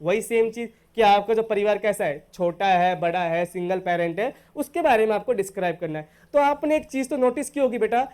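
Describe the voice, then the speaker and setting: A man from Rajasthan teaching spoken English in a recorded online lesson. He is patient, calls his students "beta" and says the English model phrases slowly. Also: high-pitched, expressive, a little mellow, clear, resonant tone. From Rajasthan, India.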